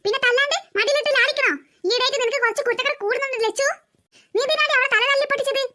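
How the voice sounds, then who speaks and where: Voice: extremely high pitch, racing, pushed and bright. A performer voicing a young cartoon mother who scolds her two daughters in an exasperated, nagging way. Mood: scolding.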